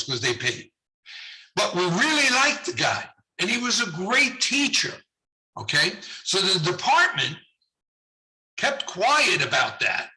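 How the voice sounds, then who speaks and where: Chatty bright-voiced man, rambling. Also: fairly high pitch, rough recording. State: losing his voice. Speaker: journal editor. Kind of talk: prerecorded conference video talk.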